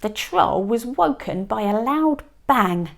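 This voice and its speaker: A woman teacher reading a picture book aloud to young children, expressive and dropping to a whisper at tense moments. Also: a little high, slow pace, creaky. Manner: expressive storybook reading, drops to a whisper for suspense.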